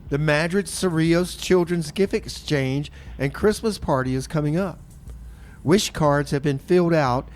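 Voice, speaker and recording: A man with a slightly high, somewhat mellow voice hosts a community radio show from the studio, with a little background noise. He reads announcements and chats in a relaxed way, calling his listeners folks, in casual radio banter.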